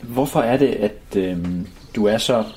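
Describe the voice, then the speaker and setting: A male interviewer asking gentle, hesitant questions. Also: medium pitch, a little hiss or hum.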